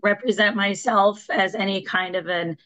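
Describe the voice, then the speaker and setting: Hoarse woman, real estate presenter, hesitant, many ums and restarts, average pitch. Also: steady tone, normal speed, bright, forceful tone, rough recording. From Washington state. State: losing her voice. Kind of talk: online meeting presentation.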